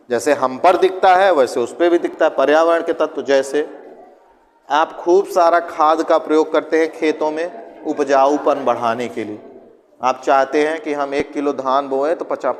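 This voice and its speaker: A male teacher giving a conversational classroom lecture, asking and answering his own questions and acting out students and parents in quick asides. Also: a little high, long reverb tail.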